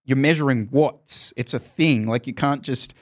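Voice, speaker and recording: A man's voice: mid-range voice, moderate pace. A man co-hosting a cycling podcast, rambling enthusiastically in casual chat. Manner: rambling, lots of "like" fillers and restarts, enthusiastic. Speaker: podcast co-host.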